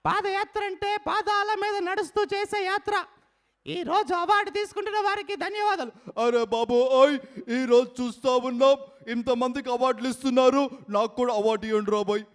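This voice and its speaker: A man performing stage mimicry at an awards function, switching rapidly between impersonated voices. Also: very high-pitched, fairly bright tone. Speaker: mimicry artist.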